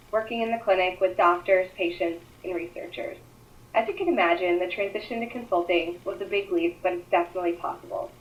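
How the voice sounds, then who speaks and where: A woman student introducing herself as a career mentor in a smooth, scripted delivery. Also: mid-range voice, muffled recording. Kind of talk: read self-introduction.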